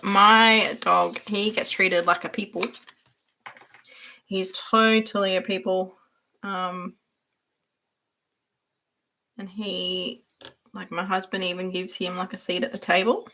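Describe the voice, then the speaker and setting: A woman's voice: medium pitch, creaky, pushed and bright. A young woman hosting a casual livestream, chatting and laughing while she answers viewers by name as she works. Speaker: livestream host.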